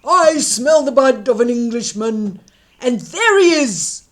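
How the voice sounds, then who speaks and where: A woman voicing a huge, hungry male giant, roaring and chanting threats slowly. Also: expressive. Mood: menacing, roaring. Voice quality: booming, roaring. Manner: slow, menacing, drawn-out chanting.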